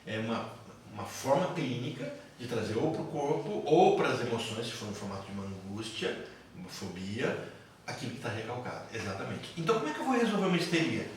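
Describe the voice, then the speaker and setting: A psychoanalysis teacher with a Brazilian Portuguese accent lectures a classroom of students, speaking fairly quickly in a medium-pitched voice with big pitch swings. He teaches didactically, posing questions to students and answering them himself. The room is very echoey, the mic distant, with faint noise.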